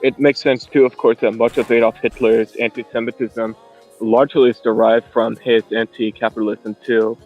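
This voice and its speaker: A man from the southwestern United States with a slight lisp, bantering as a caller on a voice call and firing back quick comebacks. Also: medium pitch, flat delivery, highs cut off, faint music behind. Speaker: guest caller.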